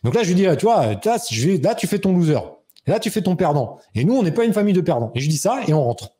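A man in his thirties telling a personal story as an interview guest, animated and acting out quoted dialogue. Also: fast. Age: 30s. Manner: animated, acts out quoted dialogue with raised pitch. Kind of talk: casual storytelling.

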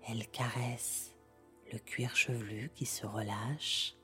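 Woman doing a bedtime sleep story style meditation, super slow n breathy half whisper, calm, music behind. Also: very deep voice. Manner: calm, gentle, unhurried with long pauses. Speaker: guided sleep meditation narrator. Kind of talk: soothing guided meditation narration in the manner of a sleep story narrator.

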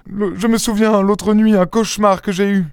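A terrified young noblewoman pleads and sobs in a high, strained voice, put on by a male reader. The lines come frantic and breathless. The recording is close and dry, with no room sound. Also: very animated, slow pace, darkish tone, no room sound, exaggerated voice. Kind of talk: audiobook character reading.

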